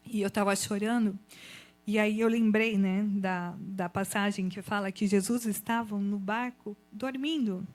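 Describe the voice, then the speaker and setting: A woman giving an emotional church testimony, telling her story in an animated, expressive way. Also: mid-range voice, unhurried, faint music behind. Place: church event.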